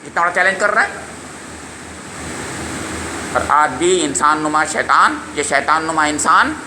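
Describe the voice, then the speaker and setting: A man's voice: a little high, lively intonation, roomy sound, noisy background. Emphatic man giving a religious lecture. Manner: emphatic, questions listeners directly. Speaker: Quran lecturer.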